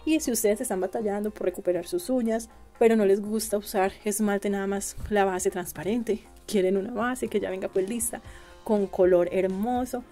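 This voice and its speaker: A woman's voice: medium pitch, steady tone, normal speed, warm tone, faint music behind. A young Colombian woman with a Medellín accent, gushing as she chats through a nail product review and calling her viewers "chicas". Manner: chatty and gushing, calls viewers "chicas" and "mis amores". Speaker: beauty vlogger.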